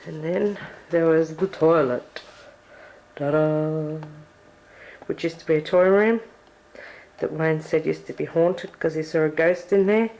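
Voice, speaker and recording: An Australian woman gives a chatty, reminiscing tour of her family house and backyard in a casual home video, narrating as she walks. Her voice is low-pitched and darkish at normal speed, captured roughly on a camcorder microphone.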